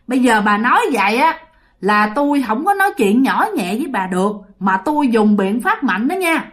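A woman's voice: fairly high pitch, sing-song, normal speed. A woman voicing an older male exorcist in a spoken ghost story, with an exclaiming manner. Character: older male exorcist, stern but fretful.

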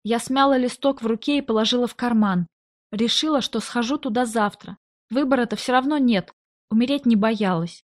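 A woman narrating a first-person story in an audiobook, reading in a tense, even storytelling voice and acting out the dialogue. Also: on the high side, normal speed.

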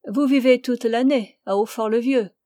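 A woman's voice: fairly high pitch, moderate pace, mellow, no room sound, clean studio sound, lightly acted. A woman reading as a pushy bourgeois lady. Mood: probing. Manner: insistent, probing questions. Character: pushy flirtatious middle-aged bourgeois lady.

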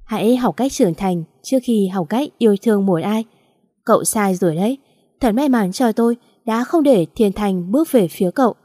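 A protective young man speaks steadily and earnestly, as a woman storyteller voices him. The voice is warm and mellow, recorded dry and close. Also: on the high side, normal speed, breathy edge, no room sound.

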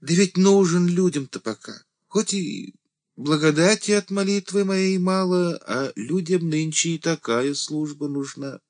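A man's voice: measured pace, darkish tone, close to an everyday voice. Man putting on a small frail fretful church deacon. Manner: high, pleading and fretful, rising to near cries. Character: small frail timid old male church deacon, pleading.

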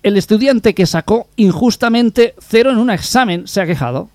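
A man's voice: sits high, expressive, moderate pace, a little mellow, no echo, studio quality. A young man co-hosting a community radio humor show, telling jokes and quizzing his co-hosts playfully.

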